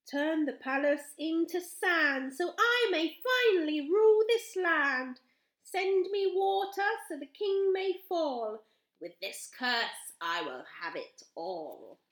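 A woman's voice: very high-pitched, very slow, bright, forceful tone, pitched above the performer's own voice, full character voice. A woman voicing a scheming old witch who chants her curse in a sing-song way, in a storybook reading. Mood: gloating. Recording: roomy echo.

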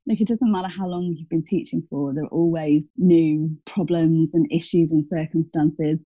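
A woman's voice: low voice, fairly even intonation, normal speed, mellow, dry recording. A woman in her thirties, a teacher speaking casually as an interview guest, chatty with many fillers and self-corrections. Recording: dull, dry lo-fi sound.

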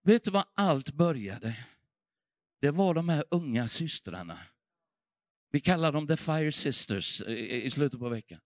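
A middle-aged man preaching a sermon, telling a revival story with fervour, swinging between hushed and loud passages. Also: on the high side, lively intonation, no echo, studio quality. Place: church.

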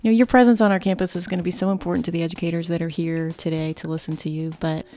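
Woman podcast host, lowish creaky voice, courteous, appreciative interviewing. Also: level tone, very fast, warm tone. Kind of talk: polite interview hosting.

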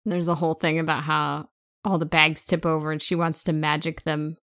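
Brief: woman podcast co-host, lower voice, fills in plot details in easy chat. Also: level tone, fairly bright tone. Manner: chimes in with plot details and quick asides. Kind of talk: casual book recap chat.

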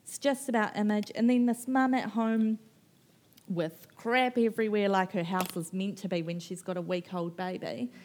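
Animated, rambling woman author. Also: medium pitch. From New Zealand. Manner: animated, rambling, laughs often, mimics people. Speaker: author guest. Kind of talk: live festival conversation.

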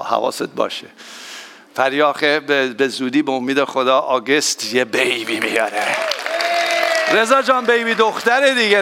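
A man, a pastor, giving a sermon to his congregation in a lively, familiar way. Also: on the high side, big-room sound. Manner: warm, excitable, addressing the congregation directly. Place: church hall.

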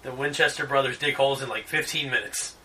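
A man with a very bright, sharp voice jokes his way through a movie commentary. His speech is fast and full of swoops in pitch. He sits a little back from the mic. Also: far from the mic. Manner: jokey, animated, does mock quotes. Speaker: podcast co-host. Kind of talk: casual movie commentary chat.

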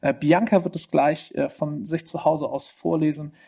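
A man's voice: fairly high pitch, steady tone, normal speed, gravelly, dark tone, breathy edge. A male pastor introducing a reading to his congregation, explaining and inviting them to close their eyes. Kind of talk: sermon introduction.

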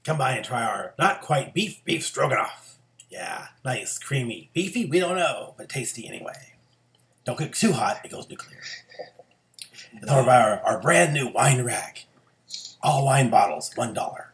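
A man voicing a shady, vague local shop pitchman in a deadpan, clipped mock radio ad. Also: normal speed. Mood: deadpan, evasive.

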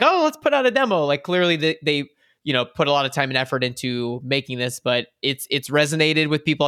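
A man co-hosting a gaming podcast, relaxed and filler-heavy, sometimes reading a news piece aloud. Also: mid-range voice, clean tone, no echo, clean studio sound. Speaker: podcast co-host. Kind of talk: casual chat.

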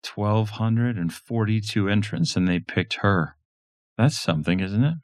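A man's voice: lowish voice, a little slow, a little mellow, dry recording, studio quality, pitched above the performer's own voice, lightly acted. A man reading the part of a worn-down middle-aged father who talks bluntly and swears. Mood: boastful.

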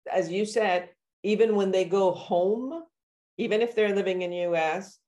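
A woman from Iran, a therapist, hosts a conversational interview in a slightly low voice. She strings long questions together with fillers and restarts, and breaks into sudden high, animated exclamations when she acts out how people react. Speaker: therapist and podcast host.

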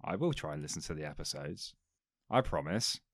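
A man's voice: a bass voice, animated, fairly quick, no room sound, clean studio sound. A man co-hosting a podcast, teasing and swearing in casual banter. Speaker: podcast co-host.

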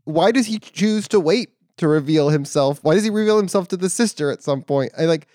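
A man's voice: a little high, a little fast, darkish tone, dry recording, studio quality. A male podcast co-host in casual chat, wry and questioning as he reasons things out aloud.

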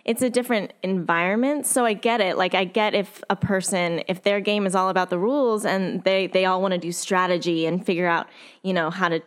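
A woman, an actress and game master, chatting as a guest in a casual interview, animated and laughing often. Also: mid-range voice, fairly quick, clean tone. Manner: animated, laughs often, lively acted quotes.

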